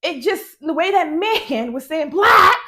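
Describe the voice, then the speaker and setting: A middle-aged woman with a high voice talks through a movie's plot in a casual, animated recap. She swears freely and laughs often as she goes. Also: unhurried. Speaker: movie reviewer.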